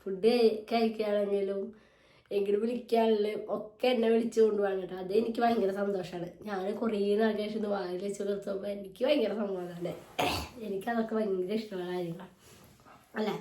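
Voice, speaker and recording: A hoarse woman vlogger, chatting casually at her family home and often asking for agreement. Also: mid-range voice, steady tone, fairly quick, mellow. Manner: chatty, rambling, asks for agreement. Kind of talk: casual home vlog chat. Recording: roomy echoey indoor sound.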